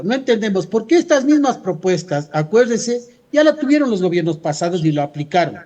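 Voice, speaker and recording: An Ecuadorian union leader argues emphatically and insistently in a radio interview, posing rhetorical questions and answering them himself. His voice is high and a little mellow.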